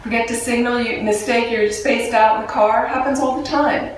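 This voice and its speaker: A woman gives a relaxed, humorous Buddhist teaching and keeps turning questions back to her listeners. Her voice rings through a strongly reverberant room. She sits away from the microphone, with a faint murmur of ambience underneath. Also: on the high side, moderate pace, distant mic, slight background noise. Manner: conversational, humorous, asks the audience questions. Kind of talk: dharma talk to a live group.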